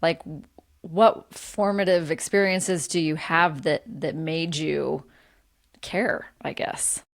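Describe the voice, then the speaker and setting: A woman's voice: low voice, steady tone, slow, creaky. A woman hosting a podcast interview, asking questions in a friendly, conversational way. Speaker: podcast host.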